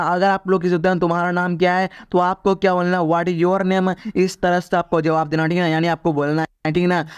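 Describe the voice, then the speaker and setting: A man's voice: high-pitched, smooth, dry recording, clean studio sound. A man teaching English pronunciation in Hindi, drilling each word with repeated questions. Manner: repetitive quiz-style drilling with "theek hai na?". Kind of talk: Hindi-language English lesson.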